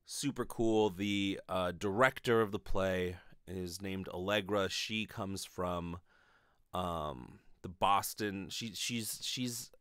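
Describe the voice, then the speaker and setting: A man in his thirties, a podcast host, actor and acting teacher, rambles through a casual, sweary monologue full of hesitation and the filler "like." His voice sits low and moves slowly, fairly bright, clear and resonant. He speaks into a close studio microphone on a stand in a small indoor bedroom, with no echo.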